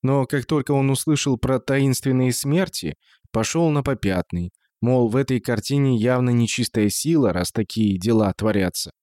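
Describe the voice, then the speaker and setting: Dark-voiced male audiobook narrator. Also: medium pitch, expressive, moderate pace, dry recording, studio quality.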